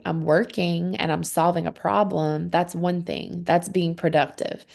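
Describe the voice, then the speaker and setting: A woman's voice: fairly low pitch, gravelly, darkish tone. A woman leading a casual Bible study, talking conversationally with frequent "um"s and "okay?" check-ins.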